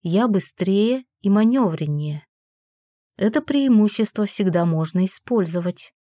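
A woman's voice: medium pitch, lively intonation, a little slow, dark tone, no echo, studio quality. A woman reading a first-person fantasy story aloud with wry, sarcastic narration. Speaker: audiobook narrator.

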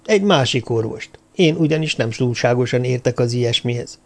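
A man voicing a composed, polite woman doctor in an audiobook, speaking in a persuasive, measured way. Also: medium pitch, expressive, natural voice. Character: calm, poised woman doctor. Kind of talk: audiobook character voice.

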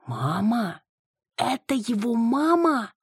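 A woman's voice: on the high side, sing-song, slow pace, husky, dry recording, clean studio sound, pitched above the performer's own voice, exaggerated voice. A woman voicing a confused, hungover young woman waking somewhere strange. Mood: bewildered. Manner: confused, indignant.

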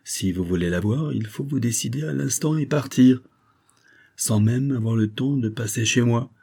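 A man reading the part of a calm, mysterious young viscount in an audiobook, assured and slightly teasing. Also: medium pitch, normal speed, creaky, slightly rough, pitched above the performer's own voice.

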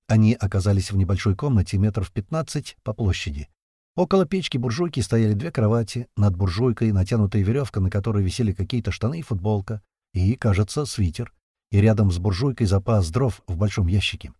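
A man narrating an audiobook in a steady, tense, vivid storytelling manner. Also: on the low side, a little fast, husky, no echo, studio quality.

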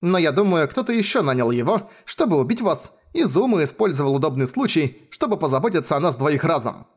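A man voicing a cocky, sharp-tongued young sorceress who speaks curtly and sarcastically. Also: fairly high pitch, very animated, a little fast, slightly rough. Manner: curt, sarcastic.

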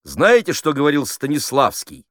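A man's voice: medium pitch, huge pitch swings, normal speed, a bit bright, dry recording, pitched above the performer's own voice. A man reading aloud, voicing a pompous army officer who barks orders while directing amateur actors. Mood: commanding. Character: bossy fussy male army officer directing a play.

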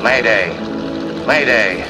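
An actor playing an injured man on a boat, calling the harbor over marine radio for help in slow, measured phrases. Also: mid-range voice, over loud music, low-quality recording. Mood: urgent. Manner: slow, measured, repeats call signs. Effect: marine radio transmission. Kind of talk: 1940s film dialogue. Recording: old film audio, loud boat engine noise.

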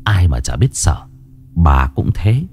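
A man narrating a ghost story in an expressive, dramatic way. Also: takes it slowly. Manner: expressive, swinging pitch. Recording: narration over background music.

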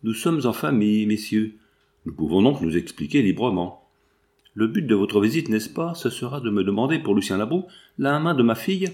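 A man's voice: on the low side, lively intonation, moderate pace, a little mellow, lightly acted. A man voicing a courteous middle-aged male industrialist and father, speaking in formal, old-fashioned phrases. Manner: formal, courteous nineteenth-century speech.

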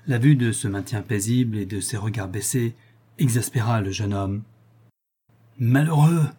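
Dark husky-voiced male narrator. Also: lowish voice, fairly even intonation, normal speed. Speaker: audiobook narrator. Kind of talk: scripted narration of a classic novel.

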